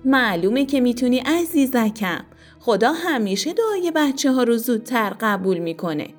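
A woman playing a gentle, patient mother who speaks affectionately and reassuringly to her little daughter in a storybook. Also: on the high side, very animated, soft background music. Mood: tender.

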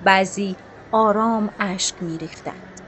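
A woman narrating a scripted story in a calm, measured, literary way. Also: mid-range voice, slight background noise.

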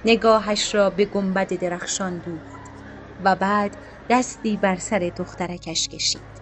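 A woman narrating a scripted story in a calm, measured, literary way. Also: medium pitch, slight background noise.

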